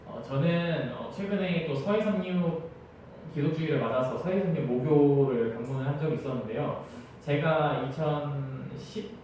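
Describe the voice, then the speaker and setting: A man's voice: on the high side, darkish tone, a little hiss or hum. Young male preacher in an echoey hall. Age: 20s. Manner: earnest storytelling sermon with frequent hesitation sounds. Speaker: evangelist. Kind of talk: sermon. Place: large church hall. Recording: very echoey church hall, mic far off.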